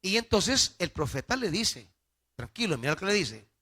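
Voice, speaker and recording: A Salvadoran man preaching a sermon as pastor, with emphatic loud peaks and soft drops. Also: sits high, big pitch swings, moderate pace, slightly rough. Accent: Salvadoran Spanish.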